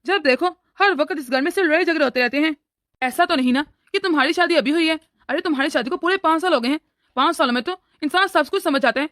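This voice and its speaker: Cartoon husband, a woman playing him: weak, lecturing, high and fast-talking. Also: a bit bright, dry recording, studio quality. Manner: lecturing, placating. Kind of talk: cartoon story voice acting.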